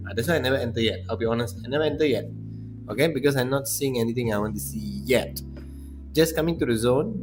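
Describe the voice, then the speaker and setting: A man hosting a casual livestream about trading, talking in a loose, chatty way with "lah" and "ah" particles and sounding a bit out of breath. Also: medium pitch. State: slightly out of breath.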